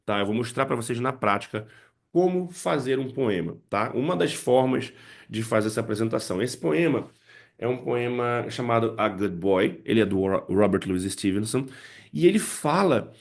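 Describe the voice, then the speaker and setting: In a medium-pitched, gravelly voice, a man explains to parents and teachers, step by step, how to teach English with poems. He checks in with his listeners through frequent "né" and "tá."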